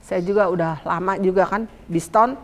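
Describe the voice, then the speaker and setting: A woman pastor telling her personal testimony in a lively storytelling way, addressing listeners directly and acting out quotes. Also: lowish voice, moderate pace, big-room sound.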